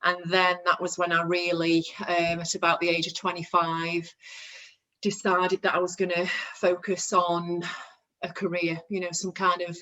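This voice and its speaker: A woman's voice: fairly low pitch, monotone, moderate pace, bright, forceful tone, poor audio. Woman with a Stoke accent. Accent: Stoke-on-Trent, English. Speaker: podcast guest, construction business owner. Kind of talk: casual conversational interview.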